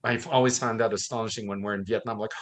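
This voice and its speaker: In a book discussion, the co-host is a man who grew up in Thailand and delivers his views with passion, dramatizing the speakers he quotes. His voice is fairly low in pitch yet fairly bright in tone. He talks at a quick pace with a steady tone and clear conviction.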